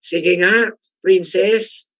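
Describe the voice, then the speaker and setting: A man's voice: high-pitched, steady tone, extremely slow, a bit bright, poor audio. A middle-aged man leading a casual class discussion, chatty and teasing, often asking the group questions. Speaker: class facilitator.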